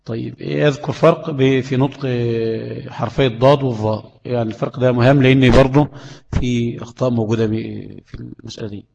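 A man's voice: mid-range voice, long reverb tail, poor audio. A man with an Egyptian accent teaching tajweed, explaining letters and checking understanding with rhetorical questions. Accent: Egyptian Arabic. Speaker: Quran recitation teacher. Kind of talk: tajweed lesson.

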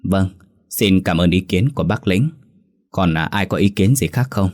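A man voicing an old village head who speaks slowly and in a measured way. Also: deep voice, a little mellow, lightly acted. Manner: slow and measured. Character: old male village head, calm and dutiful.

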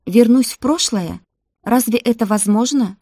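A woman reading an audiobook, voicing a stubborn young princess who asks sharp, insistent questions. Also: medium pitch, moderate pace, no room sound, clean studio sound, close to an everyday voice. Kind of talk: audiobook character voice.

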